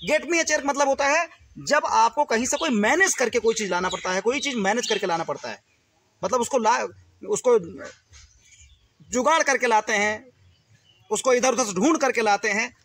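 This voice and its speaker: Energetic man teaching English. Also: high voice, breathy edge. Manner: energetic, repetitive, coaxing. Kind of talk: spoken English lesson.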